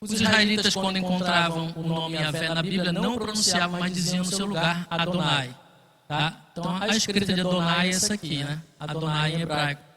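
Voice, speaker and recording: A man's voice: high-pitched, fairly quick, sharp tone, big-room sound. A man teaching a Bible study class, explaining patiently and checking in often with his listeners. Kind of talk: classroom lecture.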